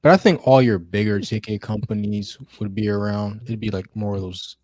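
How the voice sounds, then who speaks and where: A young man with a low voice chats about cars in brief, relaxed remarks. His voice sits close and dry on the mic. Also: normal speed, no echo. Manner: short, easygoing replies. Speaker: podcast co-host. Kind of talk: casual car chat.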